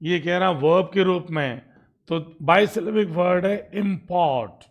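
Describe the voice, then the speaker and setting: A male teacher lectures through an exam paper step by step. His voice is gravelly and sits a little high, and his pace is slow and deliberate. He often stops to ask whether everyone is following. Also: lo-fi sound. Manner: explains step by step in Hindi, reading English sentences out slowly; asks "ठीक है?" to check understanding.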